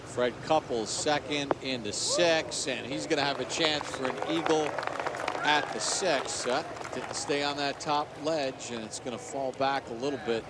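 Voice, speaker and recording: A man's voice: mid-range voice, steady tone, unhurried. A man working as a golf commentator, calling live play-by-play with outdoor ambience behind him. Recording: clear outdoor ambient noise.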